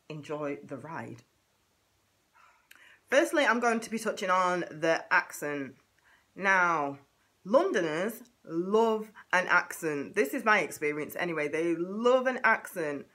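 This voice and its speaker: A woman's voice: mid-range voice, a bit bright. A woman from Manchester with a Mancunian accent, chatting playfully to camera in a comedic vlog. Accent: Mancunian English. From Manchester, England. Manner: playful, with exaggerated mimicry of others. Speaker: vlogger.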